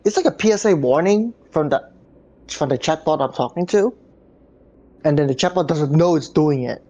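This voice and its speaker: A man's voice: fairly high pitch, expressive, normal speed, warm tone, lo-fi sound. Guy on voice chat telling a rambling story, swears a lot, does his buddy's lines. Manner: rambling storyteller, acts out quoted friends, swears. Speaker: voice chat friend. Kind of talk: casual gaming chat.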